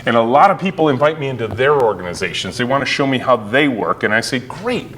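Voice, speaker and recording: A middle-aged man speaking to a conference audience at an even, mid-level pitch. His storytelling is lively, and he throws his voice up high when he acts out what other people say. A faint hum of room noise sits under the live hall recording. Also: quick pace. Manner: animated storytelling, acts out quotes with big pitch jumps. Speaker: keynote speaker. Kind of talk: conference keynote talk.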